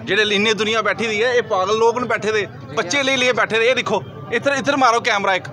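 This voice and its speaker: A man's voice: high-pitched, steady tone, fast talker, pushed and bright, a faint crowd. A man interjecting urgently and insistently at an outdoor protest.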